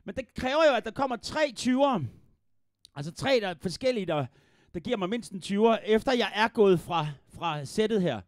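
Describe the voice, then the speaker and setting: A man's voice: high voice, animated, no echo, clean studio sound. A man with a Jutlandic accent hosting a livestream concert, chatting in a rambling, playful way and swearing freely. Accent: Jutlandic Danish. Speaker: livestream concert host and musician. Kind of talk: joking livestream banter between songs.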